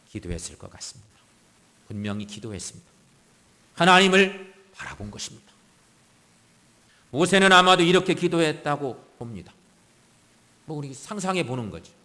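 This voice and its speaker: Male pastor, sermon delivery, animated, bursts of emphasis then soft asides, reverberant church. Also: mid-range voice. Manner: preaching with strong swings between loud emphasis and soft asides. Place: church sanctuary.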